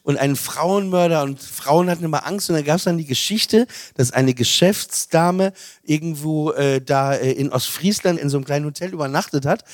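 A man from the Emsland region of northern Germany, chatting casually and telling lively anecdotes on a podcast. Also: a little high. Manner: lively anecdotal storyteller, lots of fillers. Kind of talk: casual chat, storytelling.

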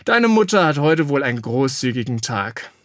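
A man voicing a calm, wry hero father in a storybook, speaking softly and dryly. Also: medium pitch, moderate pace, no echo, clean studio sound.

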